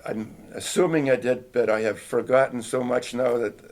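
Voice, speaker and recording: An older man in Canada who first spoke Finnish recounts his boyhood in an oral history interview, using a steady, medium-pitched, darkish voice at a moderate pace. He comes across as hesitant and reflective, frequently restarting and clearing his throat.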